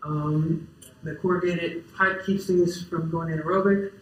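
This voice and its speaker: A man's voice: on the high side, fairly even intonation, unhurried, lo-fi sound. Young man presenting in an echoey lecture hall. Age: young adult. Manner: casual, many fillers and restarts. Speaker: farmer giving a talk. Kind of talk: conference presentation. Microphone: distant camera in the audience. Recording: roomy lecture hall echo.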